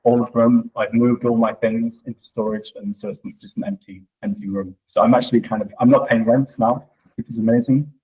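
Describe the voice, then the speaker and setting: Husky man in a big echoey room. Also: medium pitch, fairly even intonation, fairly quick, few pauses, darkish tone. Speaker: musician, touring drummer. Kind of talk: casual chat. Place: empty room indoors. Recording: reverberant echo of an empty room.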